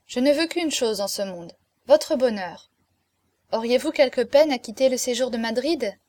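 A woman reading the lines of a grave, fatherly middle-aged swordsman in an audiobook, dropping into a lower, restrained and earnest voice. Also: expressive, normal speed, a little mellow, no room sound, close to an everyday voice.

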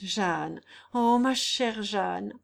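A woman's voice: on the high side, animated, a little slow, a little mellow. A woman voicing a pale, feverish young baron who speaks in an impassioned, reproachful way in an audiobook. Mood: anguished. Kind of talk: audiobook character reading.

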